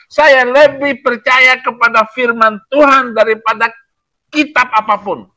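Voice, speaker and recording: High, sharp-voiced man debating heatedly. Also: fairly even intonation, measured pace, no room sound, rough recording. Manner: scolding, combative.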